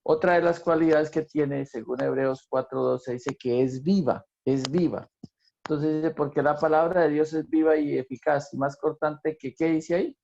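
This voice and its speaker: Gravelly man teaching a Bible class. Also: fairly high pitch, steady tone, normal speed, darkish tone, highs cut off, slight background noise. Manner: repeats phrases for emphasis and quizzes the class.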